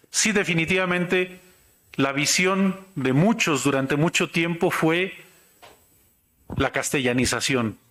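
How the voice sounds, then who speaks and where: A man giving an academic conference talk, measured and explanatory. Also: fairly high pitch, fairly bright tone. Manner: measured, explanatory, tells anecdotes. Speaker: lecturer.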